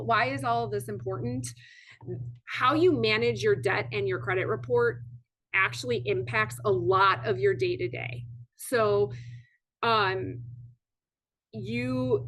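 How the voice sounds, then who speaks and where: A woman presenting an online webinar over a computer mic, talking haltingly with frequent ums and restarts. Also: mid-range voice, a bit bright, husky, poor audio.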